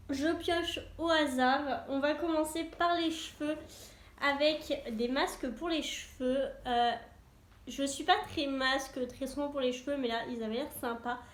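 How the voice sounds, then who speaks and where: Woman, young, beauty vlogger, enthusiastic, high-pitched, roomy echo. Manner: chatty, enthusiastic, many fillers. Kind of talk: casual chat. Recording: echoey room.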